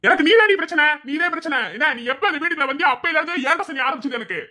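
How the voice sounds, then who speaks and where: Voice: sits high, racing. Someone voicing a bullying cartoon father-in-law. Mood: taunting. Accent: Madurai Tamil. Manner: taunting, shouting insults. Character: angry middle-aged father-in-law, scornful and bullying. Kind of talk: cartoon voice acting.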